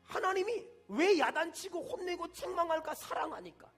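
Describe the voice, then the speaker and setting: A man, a senior pastor, preaching a sermon with emphatic call-and-response and shouted peaks. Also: very high voice, animated, normal speed, soft background music.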